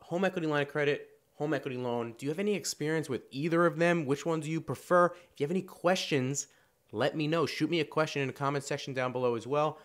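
A man's voice: a little high, fast talker, fairly bright tone. Nasal-sounding man explaining finance casually. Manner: conversational, repeats himself with fillers and restarts. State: nasal from a cold. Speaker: finance video host.

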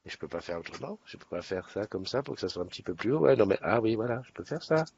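Husky low-voiced man hosting a live stream. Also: very animated, fast, a little mellow, lo-fi sound. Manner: chatty, upbeat, greets people by name. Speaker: livestream host. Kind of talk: casual live-stream chat greeting viewers. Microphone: webcam setup.

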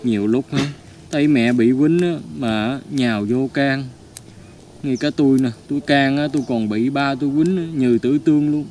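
A man's voice: mid-range voice, normal speed, a little mellow. A man with a Southern Vietnamese accent telling a family story in casual, colloquial speech, earnest and heated as he recounts it.

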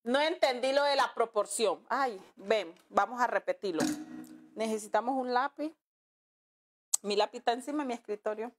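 A woman's voice: on the high side, normal speed. A woman teaching a nail class on a live stream, chatting with her viewers and calling them love and friend as she reads their comments. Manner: chatty, calls viewers "mi amor" and "amiga". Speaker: nail art instructor.

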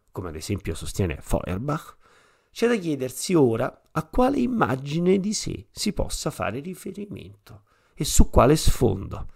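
Slow gravelly male philosophy lecturer. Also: medium pitch, a little mellow. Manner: measured, reflective reading. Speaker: philosophy teacher. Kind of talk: recorded audio lecture.

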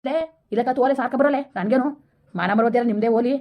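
A woman playing a middle-aged village man who hushes and bosses his family to protect his election chances, in a comedy skit. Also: fairly high pitch, fast, dull audio, lightly acted. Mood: persuading. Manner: hushing, persuasive, bossy.

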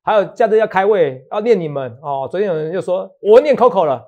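A man's voice: high-pitched, lively intonation, a little fast, darkish tone, lo-fi sound. A middle-aged man with a Taiwanese Mandarin accent hosting a stock market show in a chatty, teasing way, often checking in with his co-host. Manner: chatty, teasing, jokes and laughs often, asks "好不好". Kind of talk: casual market talk show chat.

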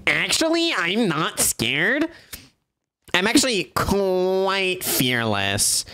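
A man doing a nerd voice for laughs, a smug know-it-all with a prim, drawn-out delivery. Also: high-pitched, big pitch swings, bright, forceful tone, pitched above the performer's own voice, full character voice.

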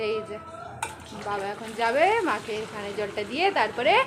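A young woman, talking fast and chatty in a casual home vlog, teasing her family along the way. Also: on the high side, background noise. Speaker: vlogger. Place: family home kitchen and garden.

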